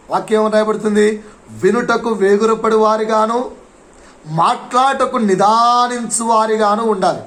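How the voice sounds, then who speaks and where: Man, pastor, sermon, high pitch, questions to the congregation. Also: a bit bright. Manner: explains verse by verse, asks the congregation questions. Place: church.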